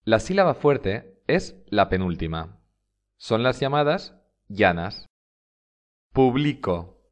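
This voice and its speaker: Male Spanish teacher with a Spain accent; unhurried scripted lesson delivery, very expressive pitch. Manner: slow, deliberate, stresses example words. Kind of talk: scripted instructional narration.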